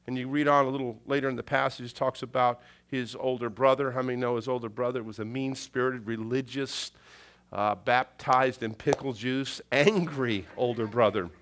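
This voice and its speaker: A man's voice: medium pitch, steady tone, normal speed, fairly bright tone. A middle-aged man preaching a sermon, telling folksy, humorous family stories and repeating key phrases for emphasis. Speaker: pastor.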